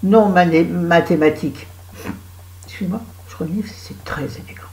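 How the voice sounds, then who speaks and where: A woman's voice: lowish voice, normal speed, gravelly, darkish tone. A French woman with a cold and a sore throat, chatting to her viewers in a rambling, self-mocking vlog at home. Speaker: vlogger. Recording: echoey room.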